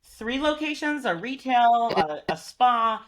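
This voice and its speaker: A woman's voice: fairly high pitch, animated, slow pace, a little hiss or hum. A woman accountant co-hosting a podcast, upbeat as she steers the conversation. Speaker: co-host, accountant.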